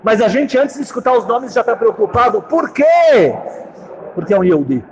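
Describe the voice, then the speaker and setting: Man teaching torah, high voice, swooping animated delivery, chants verses and asks questions, muffled lo-fi recording. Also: moderate pace. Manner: chants Hebrew verse then explains, rhetorical questions. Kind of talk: Torah class.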